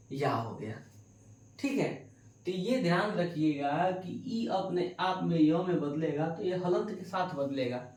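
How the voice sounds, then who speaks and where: Hindi teacher quizzing himself, echoey room. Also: male voice, high voice, a little mellow. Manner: asks questions and answers them himself, repeats key words slowly. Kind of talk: exam-prep grammar lesson. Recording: echoey room, distant mic.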